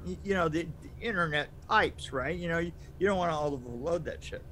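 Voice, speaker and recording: A man with a high-pitched voice rambles through a casual podcast chat, stammering and restarting as he laughs along. A faint hiss sits behind him. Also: brisk, fairly bright tone, rough recording. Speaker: podcast co-host. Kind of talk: casual chat reviewing a movie.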